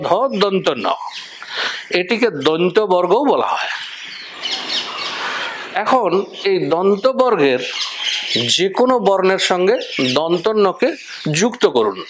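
A man explaining the letters and their sounds in a measured, step-by-step spoken lesson, listing examples one by one. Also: sits high, animated, noisy background. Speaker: teacher of Bengali script.

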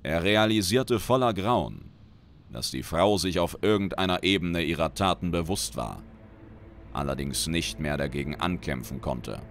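A man reading a dark fantasy short story aloud in a measured, dramatic storytelling manner. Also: sits low, slight background noise. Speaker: reader and lore commentator. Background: background music.

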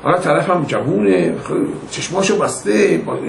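A man's voice: fairly high pitch, sing-song, vocal fry. An older man, a rabbi, giving an informal religious lesson in a conversational way, telling stories and acting out their dialogue. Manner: conversational, anecdotal, acts out quoted dialogue. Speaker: rabbi teaching a class. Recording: echoey room with faint noise.

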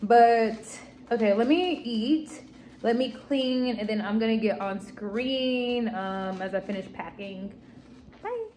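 Young woman vlogger, candid and chatty, slightly high voice, faint hiss behind. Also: takes it slowly, darkish tone. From Chicago area. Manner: chatty, candid, self-mocking. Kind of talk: casual vlog chat to camera. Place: car backseat, then small kitchen and living room. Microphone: phone camera held close.

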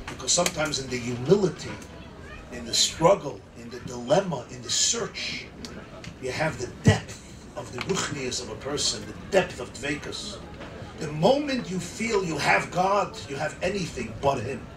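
Impassioned, high-pitched male rabbi preaching. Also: animated. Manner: emphatic, rhetorical repetition, dramatic pauses; Hebrew and Yiddish religious terms mixed into English. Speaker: rabbi giving a talk. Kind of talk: impassioned sermon to a gathering. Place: makeshift sukkah hall with seated gathering. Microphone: table microphone on a stand. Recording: roomy, distant mic, clear background noise. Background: noisy room ambience.

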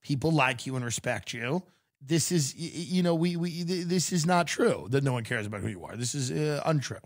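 A man's voice: fairly high pitch, animated, brisk. A man hosting a podcast, lecturing his producer in casual chat, full of stammered restarts and mocking put-on quotes. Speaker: podcast host.

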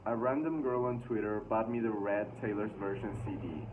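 A man's voice: fairly low pitch, moderate pace. A young man casually reading his own diary aloud with embarrassed, self-mocking asides, like a vlogger talking to the camera. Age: young adult, early twenties. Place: small room indoors. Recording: thin phone-like sound with loud noise.

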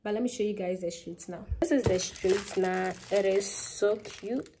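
A woman's voice: medium pitch, normal speed, background noise. Young ghana woman chatting into her phone in her bedroom, upbeat, lots of yeah and like. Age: young adult. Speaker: vlogger. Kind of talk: casual vlog chat to camera. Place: small bedroom indoors. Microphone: phone held at arm's length.

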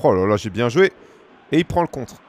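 A man's voice: mid-range voice, very animated, a little fast. A man in his thirties from France, streaming a football game and bantering with his chat in slangy, joking asides. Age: 30s. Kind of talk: casual gaming stream chat.

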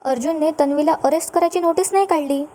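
A woman voicing a level-headed middle-aged father who calms the family with reason. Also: high-pitched, quick pace, lightly acted. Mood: calming.

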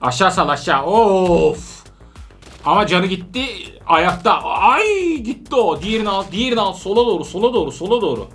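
An adult parent doing excitable gameplay commentary while playing with their daughter, laughing and calling out often. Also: medium pitch, a little fast, faint music behind. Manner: animated, laughing, frequent outbursts. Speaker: let's-play gamer playing with their daughter.

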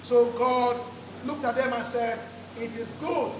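A middle-aged pastor delivers a sermon in a very high voice, unhurried, drawing out key words and repeating phrases for emphasis. He stands at a distance from the lectern microphone, so his voice rings through a roomy church hall with draped walls. A steady background noise runs underneath.

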